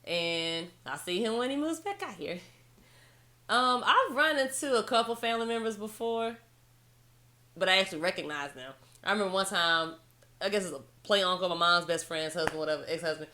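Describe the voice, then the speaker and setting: Brief: young woman vlogger, bright voice, animated storyteller who jumps high to quote herself. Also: a little fast. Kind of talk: casual storytelling to camera.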